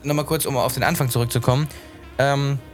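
A man's voice: mid-range voice, fairly even intonation, fairly quick, faint music behind. A young man co-hosting a casual podcast while hungover, talking in a rambling, slangy way. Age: young adult. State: hungover with a headache. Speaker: podcast co-host.

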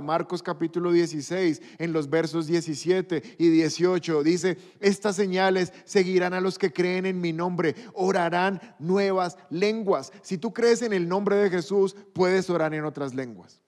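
A man preaching a sermon as pastor, emphatic and building to loud bursts. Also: sits high, in a large hall.

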